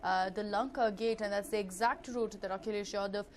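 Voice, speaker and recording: Female TV news reporter, Indian English accent, mid-pitched, hesitant ad-libbed live commentary, noticeably noisy backdrop. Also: steady tone, a little fast. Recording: clearly noisy live broadcast ambience.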